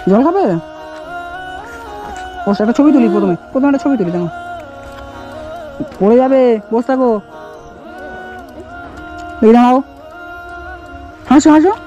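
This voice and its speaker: A man talks gently and coaxingly to his small daughter while vlogging outdoors in the shade. His voice is mellow and warm at a middling pitch. The recording sounds dull and lo-fi, with faint music behind. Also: expressive, unhurried, pauses often. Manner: coaxing, doting, talks softly to a small child. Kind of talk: casual vlog talk to a child. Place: outdoors in tree shade on a hot day.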